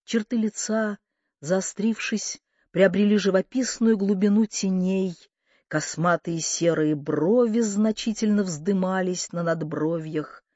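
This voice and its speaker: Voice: mid-range voice, takes it slowly, darkish tone, dry recording. A narrator reading literary fiction aloud, in a dry, dull lo-fi audiobook recording.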